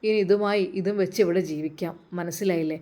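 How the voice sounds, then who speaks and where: Taunting harsh husband in a storybook tale, voiced by a woman, scolding, mellow tone. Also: fairly low pitch, fairly even intonation, fairly quick, close to an everyday voice. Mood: mocking.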